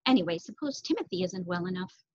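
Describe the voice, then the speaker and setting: A woman's voice: lowish voice, lively intonation, fast talker, a little mellow, slightly rough. A woman doing a worried oldest girl mouse. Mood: concerned. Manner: concerned, protesting. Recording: dull lo-fi recording.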